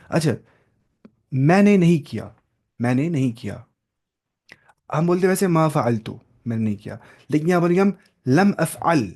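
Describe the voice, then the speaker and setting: A man's voice: fairly high pitch, a little mellow. A male teacher giving an online grammar lesson, patiently drilling and repeating verb forms aloud. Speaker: Arabic teacher.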